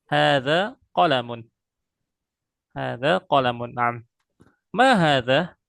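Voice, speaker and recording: A man's voice: medium pitch, expressive, vocal fry, a bit bright, no echo. Patient male Arabic tutor. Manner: patient, slow drilling with frequent pious interjections. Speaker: Arabic teacher. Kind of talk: online one-on-one language lesson.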